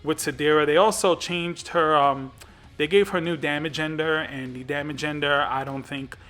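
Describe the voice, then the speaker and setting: A man's voice: fairly high pitch, fairly even intonation, moderate pace, a bit bright, faint music behind. A man hosting a gaming channel, giving casual commentary on a fighting game, rambling with lots of fillers and restarts.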